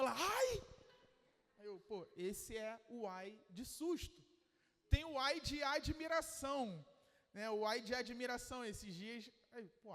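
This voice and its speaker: High-voiced preacher in a reverberant hall. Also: male voice, fairly bright tone. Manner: reads scripture slowly, then talks casually with the congregation. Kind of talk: sermon.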